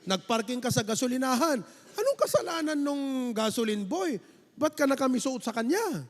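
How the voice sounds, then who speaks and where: High-voiced Filipino pastor preaching in a hall. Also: male voice, normal speed. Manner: lively, playful preaching, switching between languages. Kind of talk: sermon.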